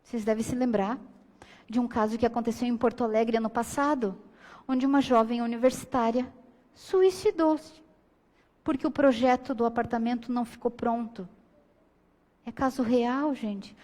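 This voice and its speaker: A woman's voice: sits high, mellow. A woman giving an earnest spiritist lecture, acting out the voices she quotes. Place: lecture hall. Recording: long hall reverb.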